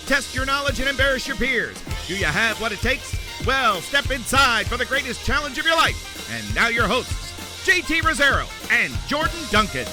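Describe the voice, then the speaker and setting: High-pitched man making a grand entrance announcement. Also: very animated, moderate pace. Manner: theatrical, showy delivery. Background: loud intro music.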